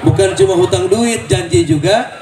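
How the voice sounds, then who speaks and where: A high-pitched Indonesian preacher speaks at a moderate pace, poking fun at the mosque crowd with jokes and questions. The recording catches him from a distance in a reverberant hall full of crowd noise.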